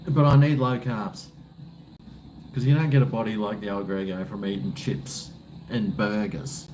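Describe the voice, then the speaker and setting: A man's voice: lowish voice, fairly even intonation, moderate pace, a little mellow, rough recording. A man with an Australian accent chatting casually to his viewers in a laid-back, blokey, rambling way. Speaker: livestream cooking vlogger. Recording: faint background noise.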